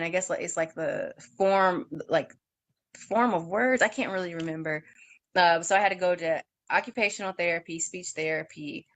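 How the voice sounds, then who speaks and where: A young woman in her twenties telling her story in an interview, halting, with fillers and restarts, and acting out what others said in a raised voice. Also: lowish voice, a bit bright, no room sound. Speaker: guest sharing her story.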